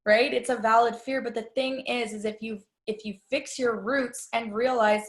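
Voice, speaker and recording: A woman's voice: fairly high pitch, steady tone, normal speed. A woman giving a live training talk to an audience, chatty and confiding, addressing the listeners directly and telling personal stories. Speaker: business trainer. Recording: echoey room.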